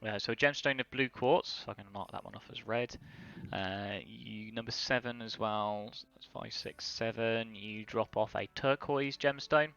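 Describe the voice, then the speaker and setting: A man's voice: on the low side, moderate pace, creaky, few pauses, fairly bright tone, muffled recording, faint music behind. A man narrating as game master, rambling with many fillers and lookups.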